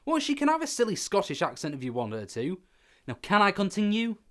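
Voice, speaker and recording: Guy playing a vodka-loving young storyteller, bouncy voice, gets fed up quick. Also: high-pitched, huge pitch swings. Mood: exasperated. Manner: exasperated storyteller, easily interrupted. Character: young man who loves vodka, telling his sad story. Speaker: narrator. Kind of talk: comic short-film acting.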